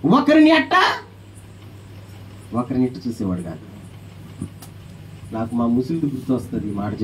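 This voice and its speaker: A man preaching a sermon as pastor, animated, calling on the congregation to answer aloud and acting out quoted voices. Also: fairly high pitch, recorded from a distance, rough recording.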